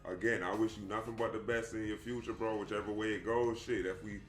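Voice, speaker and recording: A man's voice: fairly low pitch, steady tone, fast, soft background music. A young adult man hosting a casual interview, laid-back and slangy, calling his guest "bro". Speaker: podcast host. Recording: echoey room.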